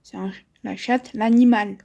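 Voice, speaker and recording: A woman's voice: mid-range voice, steady tone, unhurried, gravelly, warm tone. A woman in her twenties chatting casually about books she bought, rambling with chatty asides and frequent self-corrections. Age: 20s. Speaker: book vlogger. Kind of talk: casual book haul chat.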